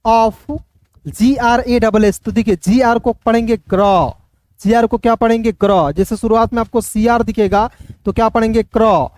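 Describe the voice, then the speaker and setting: Man spelling words out slowly. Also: very high voice, steady tone, darkish tone, no echo. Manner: patient, spells words letter by letter and asks the class. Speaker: English reading teacher. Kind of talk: spelling-and-reading lesson.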